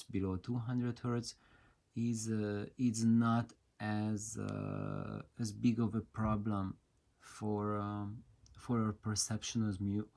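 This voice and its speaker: An audio hobbyist presenter gives an unscripted technical explanation, his delivery hesitant and halting, full of drawn-out fillers. His voice is fairly low, gravelly and warm.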